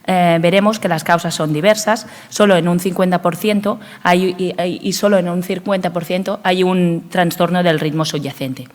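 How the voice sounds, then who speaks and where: A woman's voice: lowish voice, steady tone, normal speed, hardly any pauses. A woman with a Spanish accent and a cold, giving a hesitant medical conference talk with many fillers. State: has a cold. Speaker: cardiologist speaker. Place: conference hall. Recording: long hall reverb.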